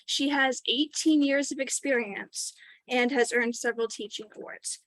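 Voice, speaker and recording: High-voiced woman making announcements. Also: fairly even intonation, normal speed, fairly bright tone, dry recording, rough recording. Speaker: chemistry club president introducing a speaker. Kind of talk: announcements and speaker introduction.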